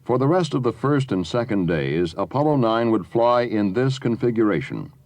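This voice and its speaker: A man's voice: medium pitch, expressive, normal speed, a little mellow, slight background noise. A man delivering scripted narration for a documentary.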